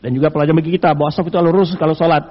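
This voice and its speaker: A man's voice: fairly high pitch, steady tone, very fast. A man giving an Islamic study sermon, explaining hadith and reciting Arabic quotes. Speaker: preacher. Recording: dull lo-fi audio in a reverberant hall.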